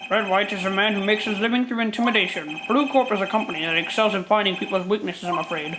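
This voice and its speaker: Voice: medium pitch, fast talker, background noise, natural voice. A performer voicing a troubled, apologetic older male lawyer for a video game, fatherly and old-fashioned in a hesitant, ponderous way. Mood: weary, confessing.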